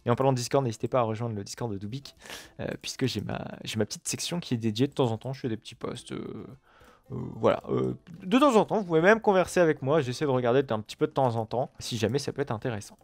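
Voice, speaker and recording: A man talks through a building game at his computer in loose, chatty commentary. He swears freely and keeps turning to his viewers with fillers and asides. His voice is mid-pitched and recorded dry, with no room echo. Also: fast. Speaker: gaming video creator. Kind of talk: casual let's-play commentary.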